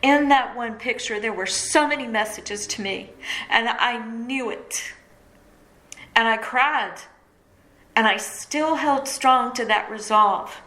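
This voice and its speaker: A woman's voice: fairly high pitch, slow pace, bright, forceful tone, poor audio. A middle-aged woman, tearing up as she tells her listeners a personal story of pain and surrender in an emotional, heartfelt way. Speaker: radio host and speaker.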